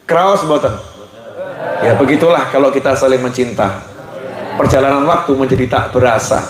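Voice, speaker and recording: Playful preacher, echoey hall. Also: male voice, medium pitch. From Indonesia. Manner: playful, chatty, slips into Javanese and laughs often. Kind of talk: lively Islamic sermon. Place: large mosque hall.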